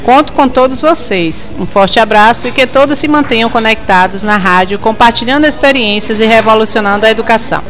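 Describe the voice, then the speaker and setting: A woman's voice: a little high, brisk, hardly any pauses, a bit bright, faint music behind, low-quality recording. A woman, a teacher, giving an upbeat, friendly recorded self-introduction.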